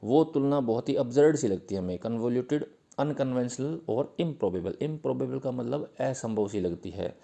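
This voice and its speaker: Man explaining in a mellow voice. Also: medium pitch, lively intonation, brisk, creaky. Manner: uses fillers, repeats points patiently. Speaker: teacher. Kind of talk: exam-prep literature lecture.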